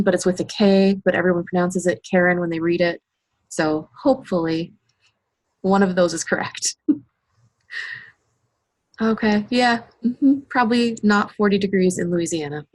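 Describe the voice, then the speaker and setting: A woman's voice: lowish voice, poor audio. A woman hosting an online webinar, chatting casually with attendees as they join and greeting them by name. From United States. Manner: friendly, chatty, reads out chat names. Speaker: webinar host. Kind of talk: casual chat before a webinar.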